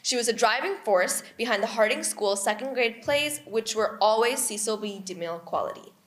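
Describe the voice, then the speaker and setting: A woman's voice: a little high, animated, normal speed. A young woman, a student MC, giving a fluent, earnest prepared speech at a podium. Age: young adult. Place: outdoor courtyard event, at a podium. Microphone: podium microphone.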